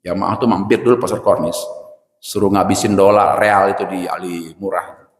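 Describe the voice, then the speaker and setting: A man preaching a storytelling sermon, acting out both sides of a conversation with big jumps in pitch between voices. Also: steady tone, moderate pace. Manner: acts out dialogue, jumping high for his own replies and dropping low for the pilgrim. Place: mosque hall. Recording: echoey mosque hall.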